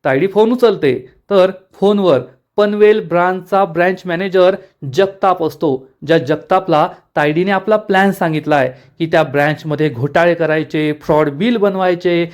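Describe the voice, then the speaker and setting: A man narrating a recap of a television serial episode, retelling the scenes in a steady storytelling manner. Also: high-pitched, moderate pace. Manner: steady retelling storyteller, reads every character's lines himself. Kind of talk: scripted narration.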